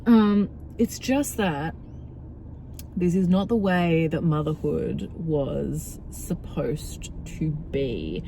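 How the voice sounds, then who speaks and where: Casting: young woman, mellow, slightly low voice, crying and overwhelmed, weary confessional car rant. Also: drawn-out words, vocal fry, low-quality recording. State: tearful, stressed and overwhelmed, crying while talking in the car. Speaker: vlogger and mother. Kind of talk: casual confessional vlog rant. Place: inside a car. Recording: car interior with vehicle noise.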